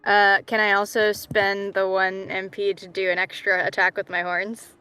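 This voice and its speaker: A woman's voice: medium pitch, flat delivery, moderate pace, sharp tone, clean tone, faint music behind. A woman playing a tabletop game, casual and giggly, thinking her moves aloud. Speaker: player.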